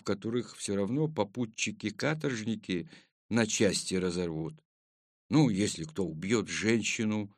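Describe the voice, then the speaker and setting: A man reading a first-person audiobook in a measured, wry storytelling manner. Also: lowish voice, dry recording, studio quality. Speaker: narrator.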